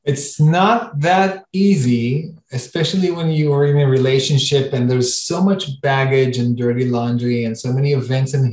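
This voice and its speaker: A man's voice: mid-range voice, a little mellow. A man hosting a podcast interview, agreeable and asking reflective follow-ups. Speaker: podcast host. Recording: roomy echo.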